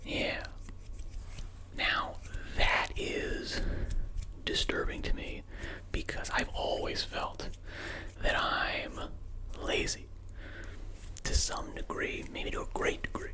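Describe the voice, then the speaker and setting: Fast whispering ASMR rambler. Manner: fast, unvoiced whispering throughout; rambling, reflective, candid. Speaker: ASMR video creator.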